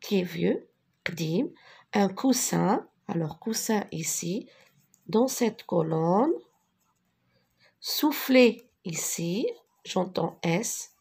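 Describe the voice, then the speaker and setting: A woman teaching a French spelling lesson, patiently repeating each word slowly, with a few translations. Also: mid-range voice, animated, creaky, darkish tone, husky. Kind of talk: slow classroom lesson with repetitions.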